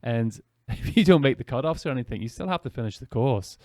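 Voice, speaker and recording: A man's voice: medium pitch, animated, quick pace, darkish tone, no room sound, clean studio sound. A man hosting a podcast, reflecting in a casual, thinking-aloud way. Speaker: podcast host. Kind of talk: casual interview chat.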